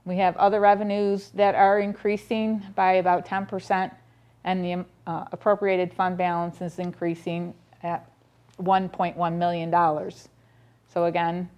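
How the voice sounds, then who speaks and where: A middle-aged woman with a lowish, darkish voice reads out school district budget figures at a public board meeting, methodical but full of ums and restarts. She stands near a projector screen in the meeting room, and a far camera picks up the room sound.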